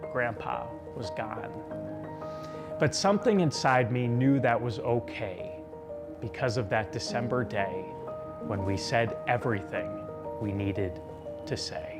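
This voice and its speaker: A man in his twenties, a TV reporter, narrating a personal story in a soft, reflective voice. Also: medium pitch. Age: 20s. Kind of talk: scripted narration. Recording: narration over music.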